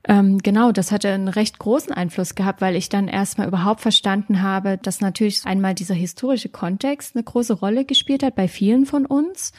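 A woman's voice: medium pitch, fairly even intonation, brisk, few pauses. A woman talking as a podcast guest in a casual conversation, thinking aloud with many fillers and hedges.

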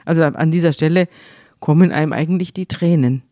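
A woman co-hosting a podcast, bluntly and lively retelling a scripture story in conversation. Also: low-pitched, a little fast, no room sound, clean studio sound. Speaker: podcast co-host.

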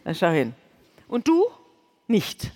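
A woman, co-hosting a live podcast with quick, teasing banter. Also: fairly low pitch, huge pitch swings, a little mellow. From Munich, Germany. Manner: chatty, quick-witted, teasing. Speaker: podcast co-host. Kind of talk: live podcast stage chat. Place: large concert hall before an audience. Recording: hall reverb from a live stage.

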